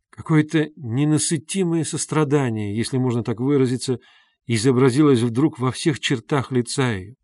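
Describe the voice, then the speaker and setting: Brief: male audiobook narrator, steady measured delivery, mid pitch, dry studio sound. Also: no echo. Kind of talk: scripted narration.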